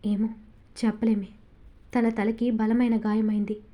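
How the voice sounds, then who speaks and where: A woman voicing a devoted young man in an audiobook story, speaking gently and affectionately. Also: medium pitch, level tone, measured pace, lightly acted.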